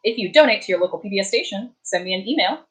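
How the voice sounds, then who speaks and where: A woman's voice: medium pitch, animated, rapid-fire, low-quality recording. A young adult woman hosting a casual live stream from her apartment, chatting in a rambling way with many fillers and restarts. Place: warm apartment.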